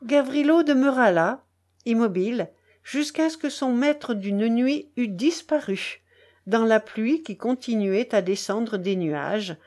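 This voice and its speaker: A woman narrating a literary story in a measured, dramatic storytelling manner. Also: a little high, expressive, darkish tone.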